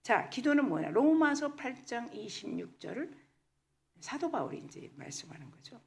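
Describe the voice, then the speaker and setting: Woman, pastor, sermon in a church, emphatic, drops to whispers, high voice, swooping pitch. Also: very animated, normal speed, creaky. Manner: emphatic preaching, mixing English words, often drops to a whisper. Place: church sanctuary.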